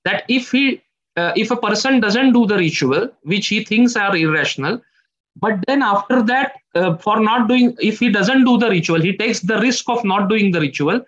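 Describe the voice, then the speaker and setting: A man, a therapist presenting a case in a professional discussion, talking in a halting, questioning way. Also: sits high, animated, fairly bright tone. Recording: dull lo-fi sound.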